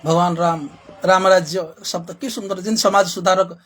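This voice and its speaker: A man speaks as a social reformer, driving his points home with repetition and rhetorical questions. His voice is husky and sits a little high for a man. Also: fairly even intonation, normal speed, fairly bright tone. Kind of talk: impassioned spoken commentary.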